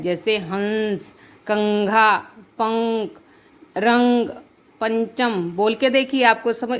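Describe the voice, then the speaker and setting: A woman teacher giving a grammar lesson, patient, repeating each point and checking that her students follow. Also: fairly high pitch. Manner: addresses students as children.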